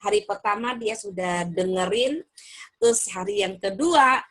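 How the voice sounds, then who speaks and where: A middle-aged woman giving a parenting seminar, lively, asking the audience questions and acting out quoted voices. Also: medium pitch, measured pace.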